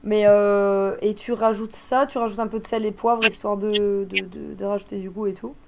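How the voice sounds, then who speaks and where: A woman chatting casually with a friend, animated and laughing often. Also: medium pitch, normal speed, vocal fry, background noise. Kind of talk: casual chat.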